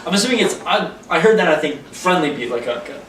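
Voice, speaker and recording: A man's voice: on the high side, lively intonation, fairly quick, a bit bright. A young man co-hosting a casual podcast, rambling and reading facts aloud. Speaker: podcast co-host. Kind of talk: casual chat. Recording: echoey room, mic far off, faint noise.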